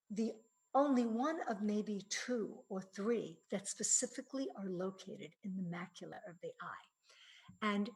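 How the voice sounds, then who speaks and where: A woman's voice: a little high, poor audio. A woman giving a presentation on eye-health supplements, explaining earnestly with frequent fillers and restarts.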